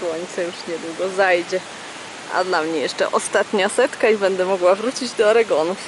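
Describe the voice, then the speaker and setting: A woman's voice: on the low side, fairly even intonation, normal speed, noisy background. Chatty woman narrating outdoors on a trail. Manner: chatty, explains sights as she walks. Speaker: hiker vlogger.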